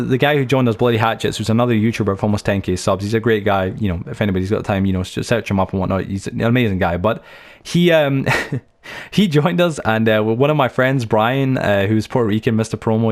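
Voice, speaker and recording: A young man hosting a game channel, giving a chatty, rambling tour full of stories, fillers and restarts. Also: on the low side. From United Kingdom. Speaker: gaming channel host. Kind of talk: rambling let's-play tour commentary.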